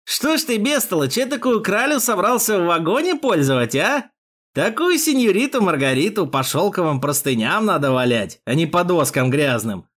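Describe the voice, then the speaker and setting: A man's voice: fairly high pitch, big pitch swings, normal speed. A man voicing a mocking, crude male police thug with a jeering manner in an audiobook. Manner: jeering, sneering, loud.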